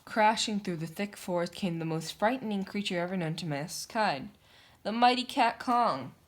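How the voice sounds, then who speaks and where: Reading a children's picture book aloud, a woman gives dramatic, emphatic narration with a theatrical flair. She speaks at normal speed in a mid-range voice.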